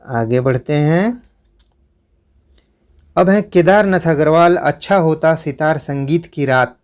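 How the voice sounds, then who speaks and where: A male teacher with a slightly high voice walks students through a school syllabus. He talks to them directly and repeats each instruction patiently, step by step. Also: slow. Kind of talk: syllabus walkthrough lesson.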